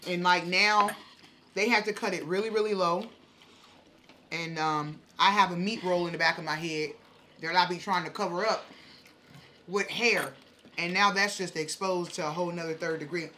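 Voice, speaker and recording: Brief: home mukbang host, woman, 40s, animated and chatty, slightly low pitch, faint room noise. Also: moderate pace, pauses often. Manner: animated, chatty, acts out her own reactions. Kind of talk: casual storytelling to viewers while eating. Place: home dining room, indoors. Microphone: camera on the table in front.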